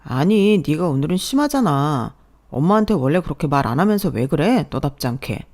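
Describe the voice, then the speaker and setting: A young husband who keeps siding with his mother, defensive and a bit whiny, as a woman voices him. the voice sits fairly low and stays close to plain reading. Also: big pitch swings, a little fast, darkish tone.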